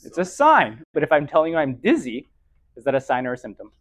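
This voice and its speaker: A young man teaching an EMT class in a casual, lively way, often acting out patient conversations. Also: fairly high pitch, quick pace, dry recording. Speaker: EMT instructor. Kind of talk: classroom lecture.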